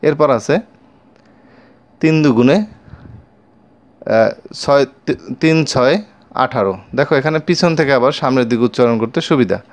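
A man's voice: mid-range voice, normal speed, pauses often. A Bengali-accented man teaching young children their times tables, repeating each line twice and asking the class questions. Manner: addresses pupils directly with questions. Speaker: math teacher.

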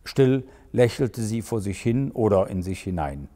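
A male crime author reading aloud from his own novel in a lively, expressive way. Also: fairly low pitch, unhurried, in a large hall.

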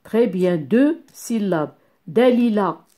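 Slow, mellow-voiced woman teacher. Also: medium pitch, animated. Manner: slow and deliberate, repeats each sound and syllable; encouraging, addresses pupils as "my dear ones". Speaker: primary school teacher. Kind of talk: slow classroom phonics lesson.

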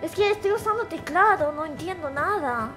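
A woman streaming casually, excitable and quick to shriek when startled, slipping into Japanese and English phrases. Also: very high voice, over music. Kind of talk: casual live-stream chat.

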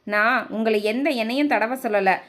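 A woman voicing a protective young mother who scolds her mother-in-law with sharp retorts. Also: on the high side, normal speed, close to an everyday voice. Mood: scolding.

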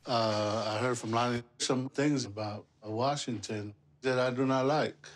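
A middle-aged man from the Pacific islands, speaking seriously and haltingly in an unscripted conversation, with measured pauses. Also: medium pitch, steady tone, a little hiss or hum. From Pacific islands, Samoa. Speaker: father-in-law, reality show participant. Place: small indoor room in a house.

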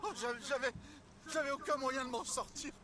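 A man's voice: extremely high pitch, fairly even intonation, normal speed. A man playing a frightened, grateful survivor in a video game, with a breathless, pleading delivery. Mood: shaken relief. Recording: distant game audio with vehicle noise.

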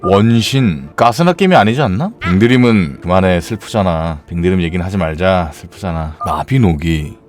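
Deep-voiced man rambling playfully on stream. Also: normal speed, few pauses, soft background music. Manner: playful, absurd rambling jokes. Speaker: live streamer. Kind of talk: casual live-stream chat.

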